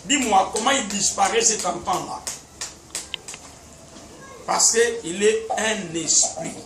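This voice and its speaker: Speaking slowly in a high-pitched, slightly bright voice, this pastor delivers a teaching sermon in French, a language other than his native one. His style is emphatic, full of repetition and frequent chuckles, on an echoey recording with a distant mic and background noise.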